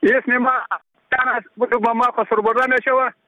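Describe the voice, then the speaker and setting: Very high, flat male voice over radio phone. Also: no echo, highs cut off. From Takhar, Afghanistan. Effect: heard over a radio phone-in line. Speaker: caller to a radio missing-persons program. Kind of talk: plain spoken appeal.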